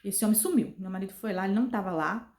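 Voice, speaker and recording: A woman's voice: mid-range voice, quick pace, a little mellow. A woman with a Brazilian accent telling a personal story in a casual vlog, earnest and given to repeating herself. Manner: earnest, repetitive retelling. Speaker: vlogger. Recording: roomy echo.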